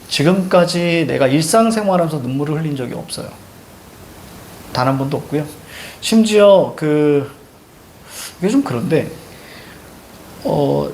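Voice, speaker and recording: A man's voice: a little high, slight background noise. A male teacher giving a classroom lecture, telling stories with jokey asides. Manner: animated storytelling, jokey asides.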